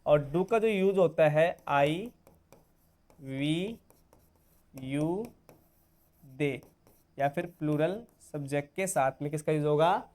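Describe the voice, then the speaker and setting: Guy teaching english online, high voice, super smooth, keeps asking students "okay?". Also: slow pace, pauses often, darkish tone. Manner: explains step by step, often checking in with "okay?"; addresses viewers as dear students. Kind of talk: online spoken-English lesson.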